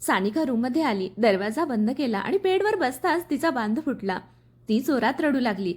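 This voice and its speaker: A woman's voice: on the high side, big pitch swings, moderate pace, darkish tone, breathy edge. A woman narrating a scripted romantic story in a dramatic, emotional way.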